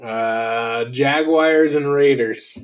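A man's voice: medium pitch, very slow. A man co-hosting a casual sports podcast, joking crudely, laughing often and throwing trash talk. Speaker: podcast co-host. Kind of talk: casual profane sports chat. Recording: distant mic, faint background noise.

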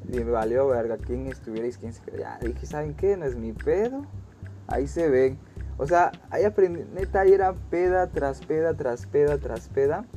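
Slangy, animated Mexican storyteller. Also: male voice, medium pitch. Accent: Mexican Spanish. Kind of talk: casual storytelling.

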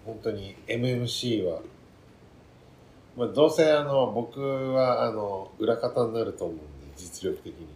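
A man's voice: fairly low pitch, measured pace, a little mellow, echoey room. A man hosting a casual podcast chat, laughing often and joking playfully. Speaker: podcast host.

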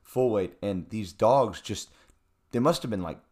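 A young man telling a travel story in casual chat, animated, with many fillers and restarts. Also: lowish voice, unhurried.

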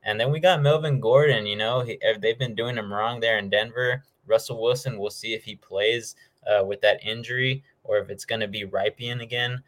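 A man's voice: medium pitch, fairly even intonation, moderate pace, hardly any pauses, fairly bright tone, low-quality recording. A man hosting a sports show, talking casually and informally through his game predictions. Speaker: host of a football picks show.

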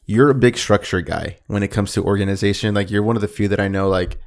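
A man's voice: fairly low pitch, steady tone, quick pace, creaky. A man hosting a casual interview, laid-back and slangy, swearing casually.

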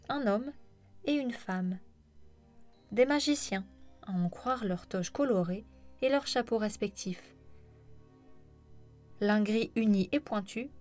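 Woman narrating a story over soft music. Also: medium pitch. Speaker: audiobook narrator. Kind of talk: scripted narration.

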